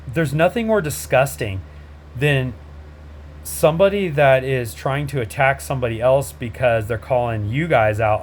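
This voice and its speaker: Man, direct-to-camera address, blunt, confrontational, halting with fillers, mid pitch, faint room hum. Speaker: host, a father speaking out.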